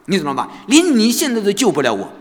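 A man's voice: high voice, wildly swooping pitch, fast, voice pushed up. A man voicing a despairing imprisoned male preacher who pleads and cries out to God. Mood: anguished. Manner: anguished, pleading. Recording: long church reverb.

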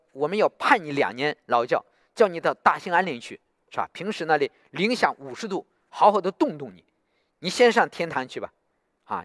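A man's voice: on the high side, fairly bright tone, dry recording, studio quality. A man voicing a stern male prison warden who mocks and scolds a prisoner. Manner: mocking, scolding.

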